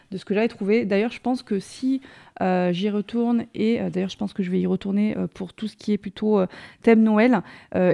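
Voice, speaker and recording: A woman hosts a relaxed craft tutorial, chatting through each step as she works. Her voice is mellow and warm with a slight gravelly fry. Her explanations are easygoing and practical. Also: mid-range voice. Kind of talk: casual hands-on craft tutorial.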